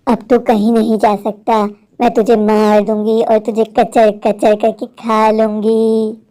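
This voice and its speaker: A woman voicing a vengeful female witch spirit in a horror cartoon, who makes slow, drawn-out threats and sings eerily. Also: fairly high pitch, monotone, mellow, natural voice. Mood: menacing.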